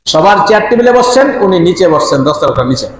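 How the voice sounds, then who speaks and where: A man preaching a sermon, telling stories dramatically and acting out the speakers in them with swings of pitch and pace. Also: very animated, fast. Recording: echoey hall with faint noise.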